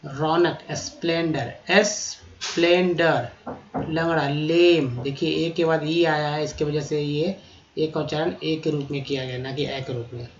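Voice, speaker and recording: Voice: medium pitch, fairly even intonation, normal speed, a little hiss or hum. A teacher going through a vocabulary list, repeating each word and spelling out its letters. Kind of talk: vocabulary lesson. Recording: roomy echo, slightly dull lo-fi sound.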